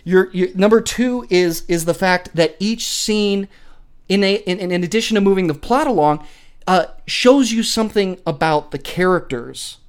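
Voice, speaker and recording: A man's voice: high-pitched, normal speed, smooth. A man talking casually and enthusiastically about a film script, often stumbling and repeating words as he explains. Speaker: podcast co-host.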